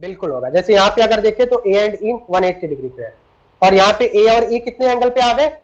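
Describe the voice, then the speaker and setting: A man's voice: high-pitched, expressive, brisk. A man teaching chemistry in a lecture, switching between Hindi and English, explaining step by step and often asking his students questions. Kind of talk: classroom lecture. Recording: dull lo-fi recording.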